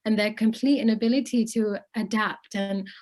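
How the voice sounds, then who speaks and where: A woman's voice: medium pitch, steady tone, moderate pace, darkish tone. A woman in her twenties from Bangladesh, an interview guest speaking earnestly and articulately about her opinions. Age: 20s. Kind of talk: conversational interview.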